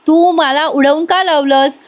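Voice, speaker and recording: A stubborn young wife from a serial recap, quick with a teasing retort, as a woman narrator plays her. The voice sits high and pointed. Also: steady tone. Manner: teasing, argumentative.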